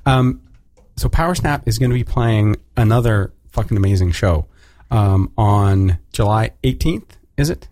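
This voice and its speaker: A man's voice: on the low side, expressive, measured pace, a little mellow, no echo. A man hosting a community radio show, chatting casually and jokingly with guests in the studio. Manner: chatty, jokey, with fillers. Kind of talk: casual on-air chat.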